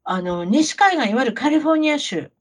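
A woman's voice: high voice, a little fast, husky. A middle-aged woman with a Kansai Japanese accent, telling anecdotes in casual chat like a talkative auntie, often throwing questions to the listener. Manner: chatty, animated Kansai auntie storytelling with rhetorical questions. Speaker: podcast co-host telling travel stories.

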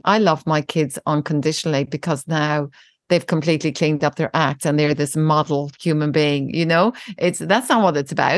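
A woman's voice: on the low side, dry recording, studio quality. A middle-aged woman, a parenting educator, talking reflectively in a podcast conversation and laughing easily. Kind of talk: casual chat.

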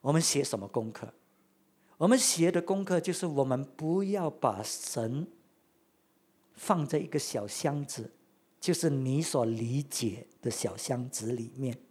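Husky, animated preacher. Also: medium pitch, a little slow. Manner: animated storytelling with rhetorical questions. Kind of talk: sermon.

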